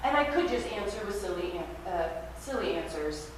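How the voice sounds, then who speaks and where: A woman pastor preaching a sermon at a pulpit microphone in a church sanctuary, in a gentle, reflective way that invites listeners to practice. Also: mid-range voice, lively intonation, normal speed. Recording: very echoey church hall, distant mic, faint hiss.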